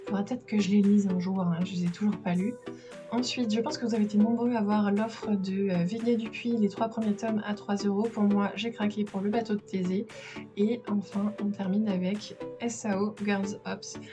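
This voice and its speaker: A chatty woman walks through her bookshelves at home in an easy, enthusiastic vlog, talking over a handheld camera. Her voice sits at an ordinary middle pitch. Clear background music plays under her talk. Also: fairly even intonation. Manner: chatty, enthusiastic, filmed while handheld, with filler pauses. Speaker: manga collector vlogger. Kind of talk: casual shelf-tour vlog. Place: at home by bookshelves in the living room.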